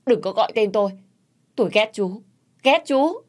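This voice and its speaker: A woman's voice: on the low side, a little fast, darkish tone, breathy edge. A woman voicing a distraught young mother who sobs and cries out in pleading questions. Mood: anguished.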